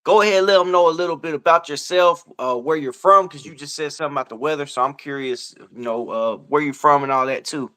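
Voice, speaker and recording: A man's voice: a little high, a little fast, hardly any pauses, sharp tone, clean tone. A man hosting an online talk show, asking loose, easygoing questions in slangy speech. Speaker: show host. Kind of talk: casual interview chat.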